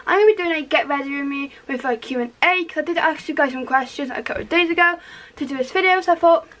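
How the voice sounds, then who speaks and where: High-voiced chatty Welsh teen girl. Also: fast, a bit bright, a little hiss or hum, low-quality recording. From Wales. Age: teens. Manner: chatty, rambling, upbeat. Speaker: vlogger. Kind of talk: casual get-ready-with-me chat. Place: small bedroom indoors.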